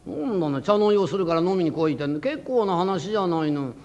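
A man's voice: sits high, lively intonation, fast talker. A man doing a chiding, sensible shopkeeper's wife. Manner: soft, chiding, practical. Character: sensible, scolding middle-aged shopkeeper's wife. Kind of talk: rakugo storytelling. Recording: dull lo-fi old recording.

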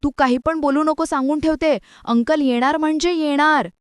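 Woman doing a shrill bossy lady. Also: moderate pace, clear, resonant tone, no echo, studio quality, close to an everyday voice. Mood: excited, scolding. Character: loud bossy excited middle-aged woman.

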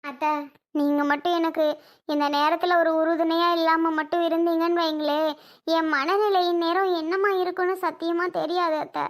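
A woman's voice: very high voice, flat delivery, moderate pace. A woman playing a hurt, stubborn young wife and mother in a family drama skit, talking in an emotional, pleading way. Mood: tearful, grateful.

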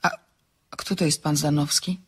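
A wry, sharp-tongued architect. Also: female voice, low voice, fairly even intonation, normal speed, husky. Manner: dry, ironic, decisive. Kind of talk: radio drama acting.

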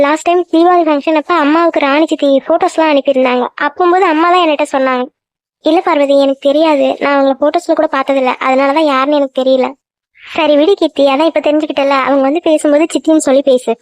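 A woman's voice: high voice, fairly even intonation, fast, a little mellow, no room sound. A woman voicing all the village women and girls in a family cartoon, in chatty, emotional talk. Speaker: cartoon voice artist. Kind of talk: one voice for every cartoon figure. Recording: dull dry sound.

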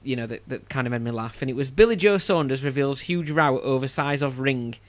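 A man's voice: medium pitch, brisk, no echo. A man with a Yorkshire accent hosting a podcast in a casual, rambling way, often restarting his sentences. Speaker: podcast host.

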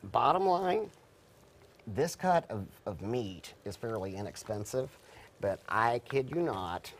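A middle-aged man on a lapel mic in a TV studio, walking viewers through a slow-cooker recipe as he cuts the meat. His voice is of ordinary pitch and talk, chatty, with many restarts. Faint studio room sound sits behind him. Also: animated, slight background noise. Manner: chatty, explains while chopping, frequent restarts. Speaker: cooking segment host. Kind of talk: cooking demonstration chat. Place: TV news studio set.

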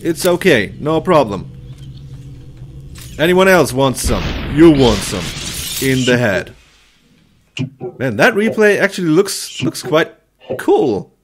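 A man's voice: on the high side, big pitch swings, slow pace, long pauses, a little hiss or hum. A man in his thirties giving casual, exclamatory let's-play commentary in short bursts as he plays. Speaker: video game player and commentator. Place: indoor room, seated at a computer.

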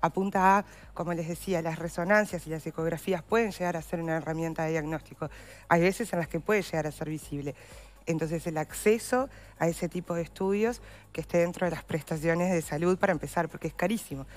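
A woman's voice: on the low side, fairly quick. A woman with a Uruguayan Spanish accent, a patient advocate giving earnest explanatory answers in an interview. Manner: earnest, explanatory, uses voseo. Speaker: guest, endometriosis patient advocate.

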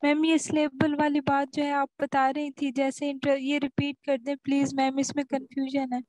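A woman's voice: high voice, completely flat delivery, normal speed, a little mellow, rough recording. A young woman, a student asking polite, tentative questions in class.

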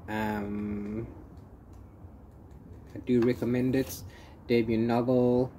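Slow, flat and warm, a man's medium-pitched voice rambles through a book review vlog, repeatedly fading out into filler phrases. The rough recording, made under an open-sided corrugated-iron shelter outdoors, carries clear background noise and open-air ambience.

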